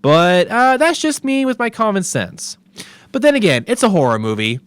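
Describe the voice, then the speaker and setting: A man hosting a film podcast, retelling a horror movie in an animated, amused way with sarcastic asides. His voice is smooth and clear, and its pitch swings widely. The sound is dry and close, with no room echo. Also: normal speed. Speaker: podcast host. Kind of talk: casual film recap.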